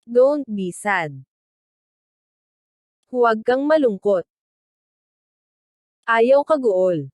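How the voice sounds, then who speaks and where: Woman, language teacher, very slow careful reading, dry close sound. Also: a little high, animated, darkish tone, no echo. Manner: reads each phrase slowly and deliberately. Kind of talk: slow read-aloud translation drill.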